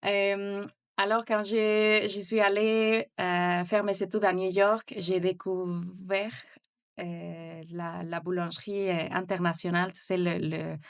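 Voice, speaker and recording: This woman's voice is on the low side and smooth, slow with little pitch movement. A Spanish-speaking bakery founder from Mexico City, she's an interview guest in a casual conversation, hesitant and prone to fillers and restarts.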